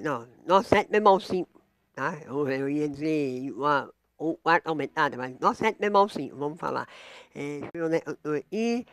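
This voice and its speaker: A man's voice: a little high, no echo. A man with a Brazilian Portuguese accent giving a casual guitar lesson, thinking aloud, correcting himself and tagging on little questions. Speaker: guitar teacher. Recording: guitar playing loudly behind the voice. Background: guitar chords.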